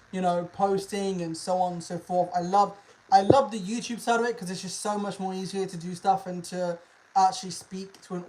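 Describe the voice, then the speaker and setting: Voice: mid-range voice, darkish tone, slight background noise, poor audio. Slangy streamer. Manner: informal, slangy, sweary, repeats phrases. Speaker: livestream host, animal content creator. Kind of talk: casual livestream chat.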